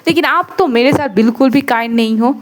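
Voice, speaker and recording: A woman's voice: a little high, a little fast, natural voice. A woman voicing an earnest young female student who speaks politely and pleads with her teacher. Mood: pleading.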